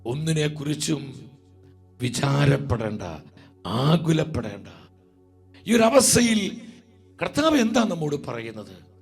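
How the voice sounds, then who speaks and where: A man with a Malayali accent preaching a sermon, slow and drawn out, with emphatic repetitions. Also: a little high, sing-song, gravelly, slightly rough, soft background music.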